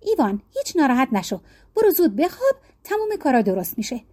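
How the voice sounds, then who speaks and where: A woman's voice: sits high, big pitch swings, warm tone. A woman reading a storybook, voicing a clever magical frog princess who comforts her husband in a soothing tone. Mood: reassuring.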